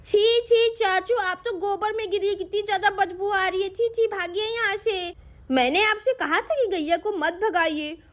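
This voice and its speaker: A woman's voice: very high voice, unhurried. A woman voicing a cheerful young village girl in a doll story, coaxing and pleading in a sing-song way. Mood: disgusted.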